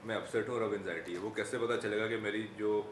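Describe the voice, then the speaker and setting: Male talk show host with a lower voice, asks follow-up questions. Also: steady tone. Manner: brief agreeing backchannels. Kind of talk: interview questions.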